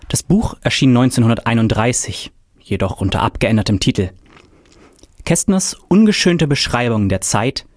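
A man reading a novel aloud with a measured, expressive delivery. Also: medium pitch, no echo, studio quality. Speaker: reader. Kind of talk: literary reading.

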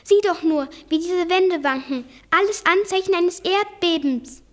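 A young reader voicing a frightened, excitable young nephew in a storybook reading, with an urgent, alarmed delivery. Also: female voice, extremely high pitch, moderate pace, voice pushed up. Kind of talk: read-aloud storybook voice.

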